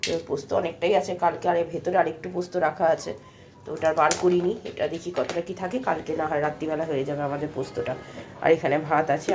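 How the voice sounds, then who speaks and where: A woman's voice: fairly low pitch, a little mellow, slight background noise. A woman in her thirties with a cold, chatting in a rambling, homely way as she vlogs her day at home. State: coughing, with a cold. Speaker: vlogger. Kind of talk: casual daily vlog narration.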